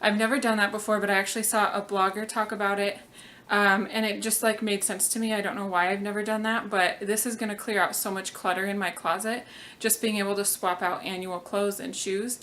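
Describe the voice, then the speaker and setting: A woman's voice: medium pitch, fairly bright tone, a little hiss or hum. Chatty young woman vlogging. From Colorado, USA. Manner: chatty, with frequent ums and likes. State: slightly out of breath. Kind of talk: casual vlog narration.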